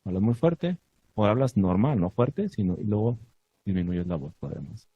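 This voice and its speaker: A man's voice: fairly low pitch, sing-song, normal speed, slightly rough, highs cut off. A man teaching a congregation in a sermon, asking his listeners questions and reciting Hebrew blessings.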